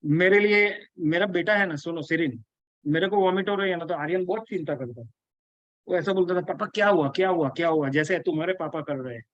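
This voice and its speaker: A man's voice: a little high, fairly quick, no echo. A man giving an earnest spiritual lecture, repeating himself and checking that his listeners follow. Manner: repetitive, keeps checking in with listeners; earnest, insistent. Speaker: spiritual teacher. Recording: dull, lo-fi, dry sound.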